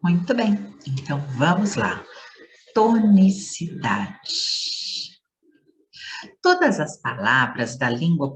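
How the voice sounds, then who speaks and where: A woman teaches schoolchildren in a low, measured voice. She talks slowly and playfully, drawing out words and hitting the stressed syllable of each example. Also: a bit bright. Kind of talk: scripted lesson to schoolchildren.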